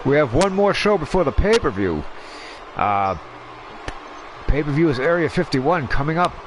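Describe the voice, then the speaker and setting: A man doing color commentary on video game wrestling matches, easygoing and quick to laugh. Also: fairly high pitch, big pitch swings, background noise.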